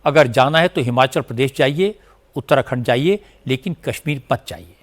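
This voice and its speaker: A man anchoring a news report, narrating crisply and with emphasis. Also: mid-range voice, moderate pace.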